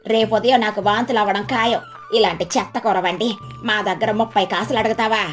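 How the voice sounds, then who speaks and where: A woman's voice: mid-range voice, fairly even intonation, a little fast, faint music behind, natural voice. A woman voicing a greedy, lying village woman who whines and gets flustered in a storybook tale. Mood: complaining. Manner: whining, flustered.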